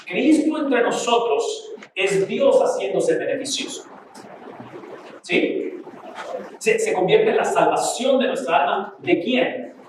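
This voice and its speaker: A man leads a Bible lesson in a slightly high voice. He talks with animated energy and keeps turning to the class with rhetorical questions. His tone is that of a teacher working through a passage with students. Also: slow, long pauses, a little hiss or hum, low-quality recording.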